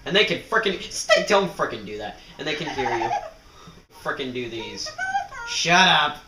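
A man plays a co-op shooter, goofy and excitable, swearing and laughing as he goes. His voice is slightly high and swings all over the place. The room is echoey, with plenty of background noise. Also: normal speed. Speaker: gamer playing co-op. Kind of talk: casual gameplay banter.

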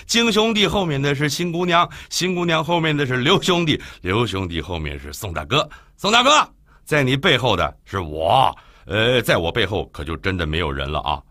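A man's voice: mid-range voice, sing-song, moderate pace, sharp tone, no echo, clean studio sound. A man voicing a good-humored man in an audiobook, stammering and chuckling as he talks. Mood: amused. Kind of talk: audiobook character voice.

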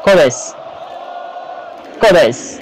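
A man calling an online football game play by play, firing off player names and bursting out in excitement at the goals. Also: a little high, drawn-out words, shouting, some chatter behind, a little hiss or hum, rough recording. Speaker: play-by-play commentator. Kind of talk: live esports play-by-play commentary.

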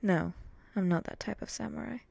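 Mizu, low-key gravelly samurai played by a woman. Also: no echo. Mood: probing, cool. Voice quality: breathy, often dropping in a soft voice. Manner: slow, terse, deadpan. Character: brooding, vengeful samurai, guarded and curt. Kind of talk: ASMR role-play.

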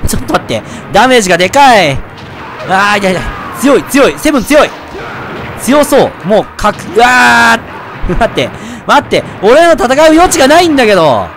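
A man giving excited commentary while playing a video game, yelping and shouting whenever he takes a hit. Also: high-pitched, brisk, faint music behind. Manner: excitable, yelps and shouts at hits. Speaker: let's play gamer.

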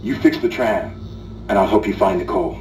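A man's voice: on the low side, moderate pace, lightly acted. Man as game security leader, authoritative, urgent, controlled, distant, faint background noise. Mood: resolute. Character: stern, commanding male security leader on a derelict spaceship. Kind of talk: dramatic video game acting. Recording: echoey, distant, faintly noisy game capture.

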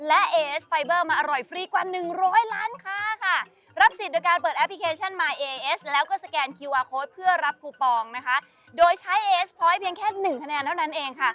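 A woman hosting a travel and food show at an outdoor market, chatty and excitable as she talks to viewers and vendors. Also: very high voice, fairly quick. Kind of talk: upbeat presenting to viewers.

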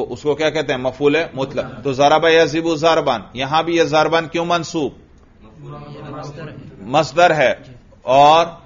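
Male grammar teacher, classroom drill style; slow, patient, repetitive questioning; muffled lo-fi recording. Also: on the high side. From Pakistan. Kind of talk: classroom lecture with call-and-response drilling.

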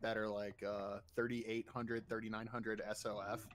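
A man's voice: lowish voice, flat delivery, normal speed, slight background noise. A young man trading blunt, joking talk with racing friends over voice chat. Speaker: sim racer. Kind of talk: casual chat among friends on voice chat.

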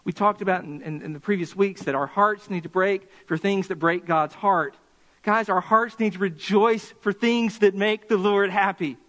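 A man preaching a Sunday sermon as pastor of a church, impassioned and slowing down to stress key words. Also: high voice, a bit bright. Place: church sanctuary.

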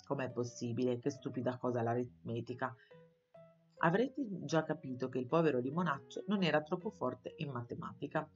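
A woman narrates a children's story in a low, expressive voice, taking her time with each scene. The recording is a little dull, with faint instrumental music beneath her reading. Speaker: audiobook reader for schoolchildren.

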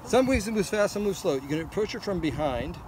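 A man's voice: high voice, expressive, a little fast, crowd noise, poor audio. A man teaching a hands-on beekeeping demonstration at an outdoor apiary, giving practical instructions and often checking in with "okay?".

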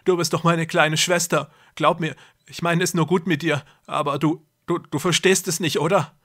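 A man voicing a cruel, deluded young man who believes he is a god, speaking loudly and feverishly. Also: on the high side, fairly even intonation, normal speed, pitched above the performer's own voice. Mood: raving menacing. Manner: loud, intense, feverish delivery.

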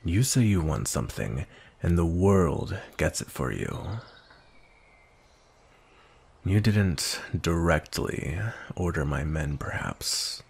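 Husky and gravelly, with a voice that sits low, a man portrays a grumpy, cold, commanding vampire knight in a roleplay ASMR. His speech is stern and measured yet animated.

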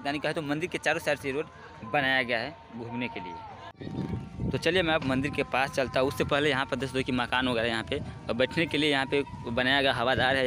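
A young man from Bihar, giving a casual vlog tour outdoors. He talks into a phone at arm's length, with many filler phrases and hesitant pauses. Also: medium pitch. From Bihar, India. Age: young adult. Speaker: vlogger. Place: outdoors at a village temple ground. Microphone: phone held at arm's length.

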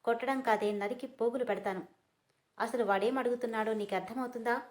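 A man's voice: extremely high pitch, fairly even intonation, a little fast. A woman voicing an angry, threatening young husband. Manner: rough, threatening.

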